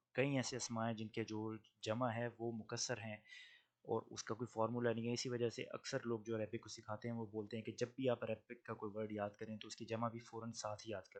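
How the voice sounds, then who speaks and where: A man teaching Arabic grammar in an online lesson, explaining patiently and slowly drilling pairs of words. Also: medium pitch. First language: Urdu.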